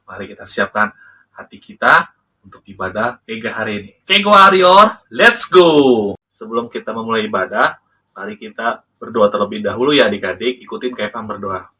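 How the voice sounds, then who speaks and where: Bright-voiced man leading children's worship. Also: fairly low pitch, breathy edge, recorded from a distance. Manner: cheerful, upbeat calls to children. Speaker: children's church leader. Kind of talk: children's worship hosting and prayer.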